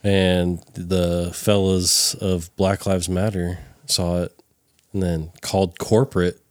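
Deep-voiced joking podcast host in his thirties. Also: flat delivery, slow, no echo, studio quality. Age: 30s. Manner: joking, loose, swears a lot. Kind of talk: casual podcast chat.

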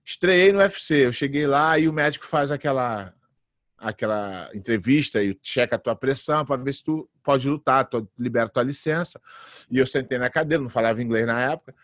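A man in his late thirties, a jiu-jitsu fighter, telling lively anecdotes in a casual interview. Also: mid-range voice, fairly quick, no echo, clean studio sound. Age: late 30s. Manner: animated anecdotes, acts out quoted voices.

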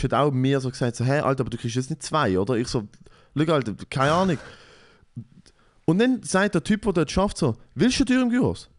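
Young Swiss German man telling a rant. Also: a little high. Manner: animated storytelling, acting out quotes, lots of swearing. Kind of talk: casual chat.

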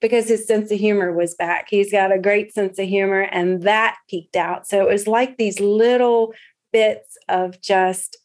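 A woman's voice: mid-range voice, fairly even intonation, a little slow, darkish tone. A woman guest recounting a family medical story in an earnest, heartfelt way, with frequent fillers and restarts. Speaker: interview guest, patient's wife. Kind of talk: personal storytelling.

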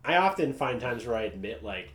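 Animated laughing man in casual chat. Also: mid-range voice, fairly quick. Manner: animated, laughs often, swears freely. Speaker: podcast co-host. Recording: roomy echo.

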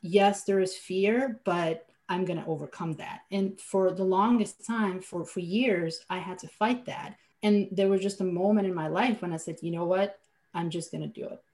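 A woman from Slovenia, a native Slovenian speaker, answers podcast interview questions as a guest who owns a finance business. Her fairly low, slightly mellow voice moves at a moderate pace, and she sounds earnest and reflective, often restarting her sentences.

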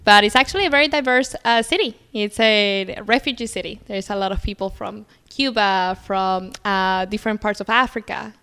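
Smooth-voiced young woman with Spanish roots. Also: medium pitch, normal speed, hardly any pauses, sharp tone. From Colombia. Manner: upbeat, positive, frequent fillers. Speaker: podcast guest. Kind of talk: casual interview conversation.

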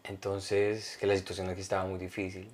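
A man's voice: sits low, fairly quick. A man, co-hosting a casual comedy podcast, telling stories animatedly and reading out fan comments. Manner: animated storyteller, mimics others, reads fan comments. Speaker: podcast co-host. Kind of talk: casual comedy chat, storytelling.

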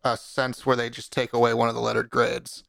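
A man's voice: medium pitch, monotone, fairly quick, vocal fry, a bit bright, dry recording. A young adult man chatting casually, taking part in an informal discussion. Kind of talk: casual chat.

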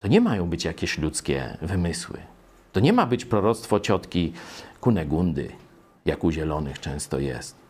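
A man preaching a sermon, expounding scripture and addressing his listeners directly, climbing high when he reads verses aloud. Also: big pitch swings, normal speed, a little mellow, slightly rough.

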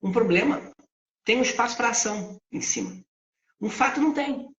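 A man teaching Vedanta ideas, who poses questions to himself and answers them in a lively spoken lesson. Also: very high voice, moderate pace. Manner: asks and answers his own questions. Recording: echoey, dull lo-fi sound.

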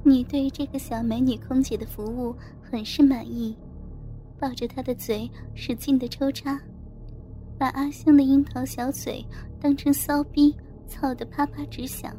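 A woman's voice: high voice, level tone, a little slow, mellow, slight background noise. A woman narrating a first-person adult audio story in an intimate manner, speaking directly to the listener.

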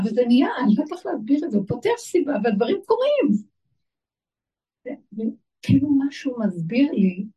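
A woman's voice: on the high side, warm tone, slightly rough, far from the mic, low-quality recording. A woman giving a religious talk to a live audience. She asks her listeners questions and chants lists of single words. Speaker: spiritual teacher.

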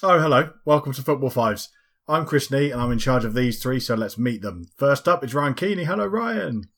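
A man's voice: mid-range voice, animated, fairly quick, a bit bright. Guy hosting a football chat podcast, dry teasing humor, laughs a lot. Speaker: podcast host. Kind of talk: casual chat.

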